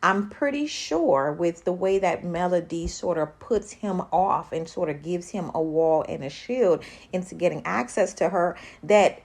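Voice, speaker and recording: A woman's voice: lowish voice, expressive, a little slow, a little mellow. Sassy, profane woman dishing gossip. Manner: addresses viewers directly. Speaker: show recap vlogger. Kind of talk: casual reality-TV recap.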